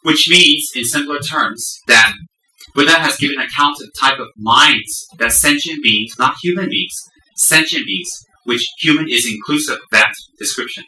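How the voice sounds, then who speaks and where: A man's voice: mid-range voice, normal speed, sharp tone, slight background noise. A man teaching as a Buddhist teacher in a live dharma talk, stressing points by repeating words over and over. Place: room with a live audience. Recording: echoey room, voice from a distance.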